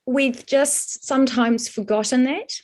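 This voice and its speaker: Woman, middle-aged, broad Kiwi accent, earnest interview storytelling, halting delivery, emphatic. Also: sits high, a little mellow. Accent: broad New Zealand (Kiwi). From born in Colombia, raised in New Zealand from age seven. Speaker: podcast guest, advertising professional.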